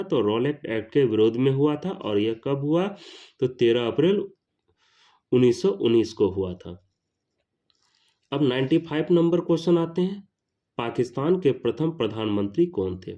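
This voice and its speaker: Teaching a question-and-answer lesson for an exam, a man with an Indian accent deliberately repeats every question and answer. His voice is medium in pitch and the sound is lo-fi.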